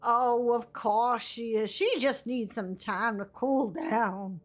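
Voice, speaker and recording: A woman voicing a kindly, motherly old tea shop keeper in a video game, gentle and a little hesitant. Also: a little high, slow, soft background music. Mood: reassuring. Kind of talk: amateur character voice while reading a game aloud.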